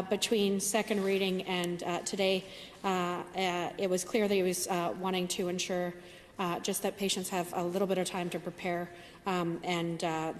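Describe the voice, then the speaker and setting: A woman government minister giving an earnest floor speech in a legislative chamber, with frequent filler sounds. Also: mid-range voice. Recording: long hall reverb with faint noise.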